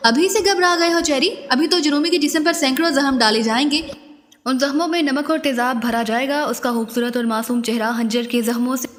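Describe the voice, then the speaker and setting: A woman's voice: sits high, fairly even intonation, fairly quick, lightly acted. A woman voicing a cold, menacing male intelligence major with an icy, threatening manner. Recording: long reverberant echo.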